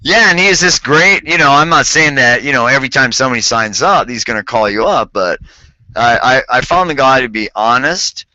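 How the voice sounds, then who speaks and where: Bright, dry-sounding male talk host. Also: medium pitch, fairly quick, no room sound, lo-fi sound. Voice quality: bright, animated storytelling with many restarts. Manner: quotes others in acted-out dialogue, laughs often. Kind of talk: casual chat.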